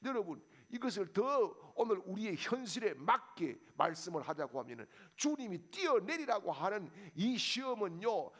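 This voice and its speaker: A male pastor delivers a sermon with a high voice that leaps up and down with wide swings. His tone carries a gravelly edge, and he keeps throwing rhetorical questions at the congregation. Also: a bit bright.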